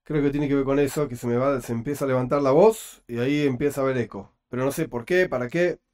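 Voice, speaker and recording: Speaking into a computer mic, a man with a Rioplatense Spanish accent and a medium-pitched, slightly mellow voice runs an online Torah class. He moves quickly and keeps cracking jokes on the side.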